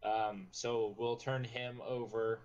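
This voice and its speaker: A man's voice: medium pitch, flat delivery, takes it slowly, a little mellow, lo-fi sound. A man chatting casually as a player in a tabletop role-playing game.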